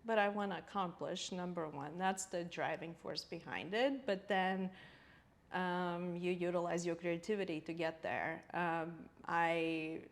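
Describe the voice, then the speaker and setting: A woman's voice: on the low side, steady tone, unhurried. A woman from Latvia, a guest interior designer in a podcast interview, thoughtful and searching for words with frequent laughter.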